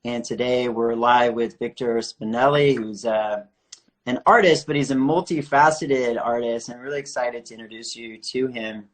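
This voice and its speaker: A man's voice: medium pitch, steady tone, moderate pace. Chatty man hosting an art interview. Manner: friendly, chatty, asks questions. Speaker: host of an online art interview series. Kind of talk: casual interview over video call.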